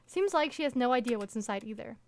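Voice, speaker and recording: A woman reading the lines of a pushy, possessive male ex-partner in a visual novel game, in her own higher voice. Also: fast talker. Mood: matter-of-fact. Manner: plain, even reading of the lines.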